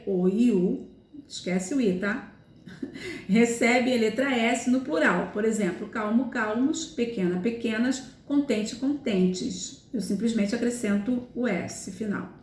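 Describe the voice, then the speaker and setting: A woman's voice: fairly high pitch, animated, unhurried, darkish tone, reverberant. A teacher, a woman, explaining grammar rules step by step and checking in with her students often. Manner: explanatory, repeats examples, frequent "tá?" and "né?" checks. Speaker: Portuguese language teacher. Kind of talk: recorded grammar lesson.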